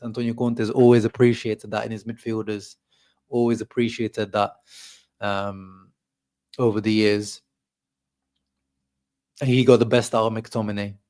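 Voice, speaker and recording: A man hosting a casual football reaction show. He talks through tactics in a measured but dejected way, restarting his sentences now and then. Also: medium pitch, a little mellow. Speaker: football channel host. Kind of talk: casual match reaction chat.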